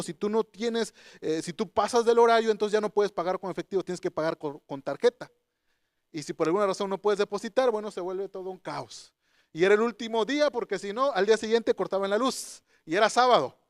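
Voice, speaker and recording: High-voiced preacher telling a story. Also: male voice, smooth, no echo, studio quality. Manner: storytelling, rhetorical questions to listeners. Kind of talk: sermon with personal story.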